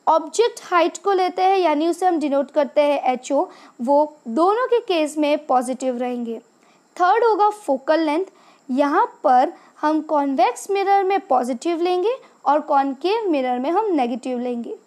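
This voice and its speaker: A woman teacher giving a slide-based science lesson voice-over, explaining slowly and deliberately while mixing English and Hindi. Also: high voice, animated, darkish tone.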